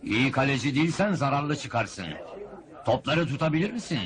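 A man's voice: medium pitch, lively intonation, a little fast, natural voice. An actor playing a stingy, scheming showman boss in a 1970s film comedy, talking like a brash huckster and barking sales patter at the crowd. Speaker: fairground penalty-game boss.

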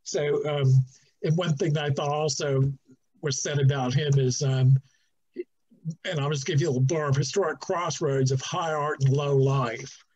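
Middle-aged man, museum docent, chatty and unpolished, husky voice, muffled lo-fi call sound. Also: fairly high pitch, normal speed. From New Jersey. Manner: relaxed, chatty, with fillers and restarts. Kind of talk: guided talk over video call. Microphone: video call. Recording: dull lo-fi video call audio.

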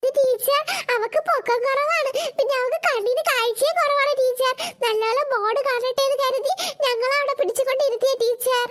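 Squeaky chattering cartoon schoolgirls. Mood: anxious. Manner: rapid excited chatter, squeals and giggles. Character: chattering young schoolgirls, cheeky and gossipy. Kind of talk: cartoon voice acting.

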